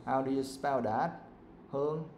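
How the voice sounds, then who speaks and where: A man's voice: mid-range voice, measured pace, a little mellow. Roomy-sounding male teacher quizzing students. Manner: quizzing students, switching between English and Vietnamese. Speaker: English teacher. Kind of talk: live classroom lesson. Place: classroom. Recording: echoey room with faint background noise.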